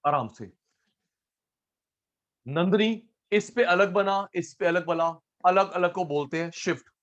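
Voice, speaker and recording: A man's voice: sits high, takes it slowly, fairly bright tone, highs cut off. Coaxing, repetitive male teacher. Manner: repetitive, coaxing, addresses students by name. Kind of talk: online class lecture.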